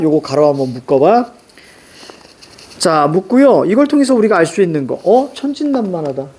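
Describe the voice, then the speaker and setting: A middle-aged male teacher with a high-pitched, dark-toned voice gives a literature lecture. He walks students through a story, marking up the text and posing rhetorical questions.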